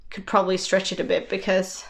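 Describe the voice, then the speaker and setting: A woman's voice: mid-range voice, completely flat delivery, a little fast, vocal fry. A woman, chatting casually about her knitting projects, laughing often and poking fun at her own mistakes. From Sweden. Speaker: knitting vlogger. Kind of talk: casual chat.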